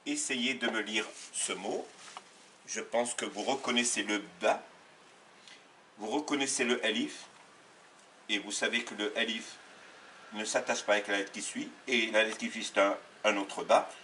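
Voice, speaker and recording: A man teaching a beginners' language lesson, patient and methodical, repeating sounds slowly and correcting himself as he goes. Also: on the low side, steady tone, sharp tone, recorded from a distance, a little hiss or hum. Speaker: Arabic teacher. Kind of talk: step-by-step lesson for learners.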